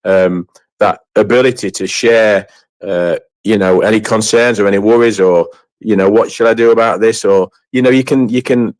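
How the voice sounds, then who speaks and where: Effusive, rambling man with a lowish voice. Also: a little mellow, no room sound, low-quality recording. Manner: effusive, rambling, halting with repeated phrases. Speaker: host of an online community chat. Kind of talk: casual interview chat.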